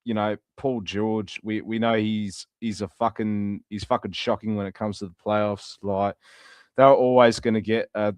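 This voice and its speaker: A young man in his twenties talks sport with blunt, opinionated swearing. His voice sits a little low and sounds close and dry. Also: steady tone, normal speed, smooth, no room sound. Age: 20s. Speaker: co-host. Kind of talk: casual sports podcast talk.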